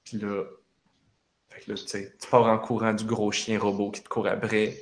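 A man's voice: fairly low pitch, flat delivery, normal speed. A man with a Quebec French accent, rambling casually through a video game's story with many fillers. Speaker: gamer recounting a video game. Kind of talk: casual chat.

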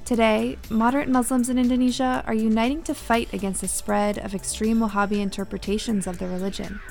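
A woman's voice: a little high, level tone, a little fast, vocal fry, a little mellow. A woman podcast host reading scripted news narration. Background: faint music.

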